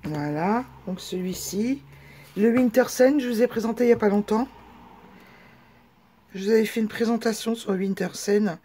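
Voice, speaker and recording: Mellow-voiced woman chatting casually. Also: on the high side, normal speed, pauses often, slightly rough. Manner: chatty, hesitant with many fillers. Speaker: craft vlogger. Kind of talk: casual show-and-tell video.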